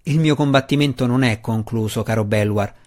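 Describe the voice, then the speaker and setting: A young dark elf with quiet resolve, played by a man reading an audiobook. He speaks evenly and unhurriedly, firm in every word, and stays composed even under pressure. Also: mid-range voice, lightly acted. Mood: calm. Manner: calm, measured, resolute.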